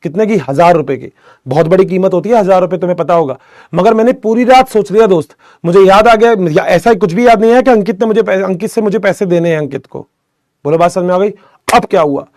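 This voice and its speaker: A young man with a high-sitting, darkish voice talks quickly while teaching biology, heard in a dry, studio-quality recording. His casual lecture is chatty and full of jokes, and he tells his students a story while calling them beta.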